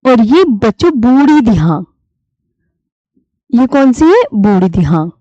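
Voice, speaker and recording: A woman teaching a live online class, patiently repeating key terms slowly for her students. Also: fairly high pitch, big pitch swings, warm tone, no echo. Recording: dull lo-fi stream audio.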